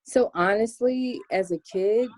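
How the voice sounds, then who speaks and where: A young American woman answering interview questions in a relaxed chat, with plenty of "um" and "like". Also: medium pitch, measured pace, no room sound. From United States. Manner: chatty, many "um" and "like" fillers. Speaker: interview guest. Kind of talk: casual interview.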